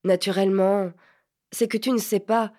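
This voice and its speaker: A woman reading an audiobook, voicing a calm, gently teasing sixteen-year-old boy. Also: medium pitch, close to an everyday voice. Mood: coaxing. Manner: soft, unhurried, coaxing. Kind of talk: audiobook character voice.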